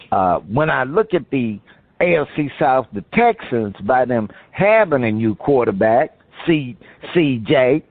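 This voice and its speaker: A man co-hosting casual sports talk, folksy and halting with lots of filler sounds. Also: mid-range voice, creaky, no echo. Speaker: sports talk show co-host. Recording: phone-like dry sound.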